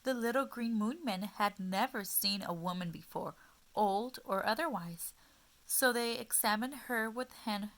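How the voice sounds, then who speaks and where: Reading a storybook to young children, a medium-pitched woman speaks expressively in a child-directed way, with frequent pauses and direct address to her audience.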